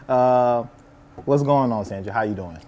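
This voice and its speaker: A man's voice: medium pitch, unhurried, warm tone. Chatty male podcast host. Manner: loose and chatty, with many fillers and restarts. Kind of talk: casual interview chat.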